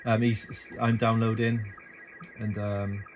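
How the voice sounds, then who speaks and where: Taking it slowly with a flat delivery and fairly low pitch, a man presents a casual radio hobbyist tutorial. He films his setup on a handheld phone and hesitantly thinks aloud through an unscripted screen-and-gear walkthrough, in a noisy, amateur-quality recording.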